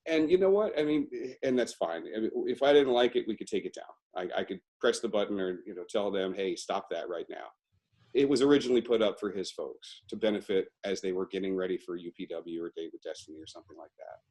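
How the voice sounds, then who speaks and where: Deep-voiced man telling his business story. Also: fast, hardly any pauses, darkish tone. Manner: emphatic, stresses key words with sudden pitch jumps. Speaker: guest, company founder. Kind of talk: interview storytelling.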